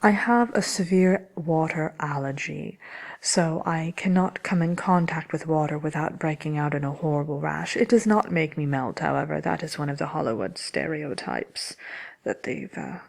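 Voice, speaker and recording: Low, creaky Wicked Witch of the West played by a woman. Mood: dry, matter-of-fact. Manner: unhurried, hesitant, dry, condescending "dearie". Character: haughty wicked witch of fairy tale, grumpy and unapologetic. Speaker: host of a question-and-answer show. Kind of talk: soft-spoken ASMR roleplay chatter.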